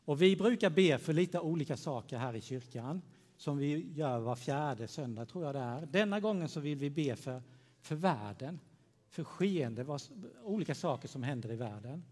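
Gentle pastor in a reverberant church. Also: male voice, a little high, animated. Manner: gentle, storytelling, addressing children. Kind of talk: children's sermon in church.

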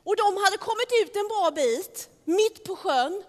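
A woman telling a Bible story to children in a lively way, talking directly to her listeners, in a large hall. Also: very high voice.

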